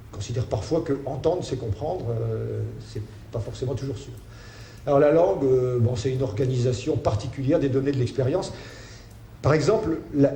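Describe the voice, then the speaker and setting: A man lectures in a halting, stop-and-start way, full of fillers and restarts. His voice is mellow and dark. The sound carries the roomy echo of a lecture hall, with a faint murmur of ambience underneath. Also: medium pitch, a little hiss or hum. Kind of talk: hesitant spoken lecture.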